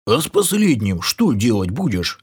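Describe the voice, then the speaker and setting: A man voicing a greedy, loud male half-orc in an audiobook, bellowing. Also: mid-range voice, very animated, moderate pace, slightly rough. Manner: bellowing, grabby.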